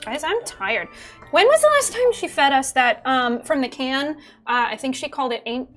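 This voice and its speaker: Woman playing a bright, high-voiced weary house pet. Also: big pitch swings, moderate pace, soft background music. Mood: weary, matter-of-fact. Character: tired, needy house pet missing its mama. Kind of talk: improvised comedy skit.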